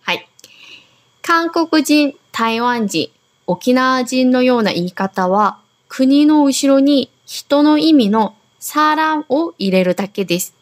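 A woman's voice: high voice, expressive, takes it slowly. A Korean woman hosting a radio language lesson, patiently explaining grammar and modelling words to repeat. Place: Okinawa.

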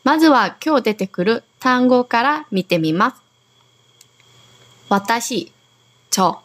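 A woman's voice: on the high side, animated, moderate pace, fairly bright tone. A Korean woman hosting a radio language lesson, patiently explaining grammar and modelling words to repeat. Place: Okinawa.

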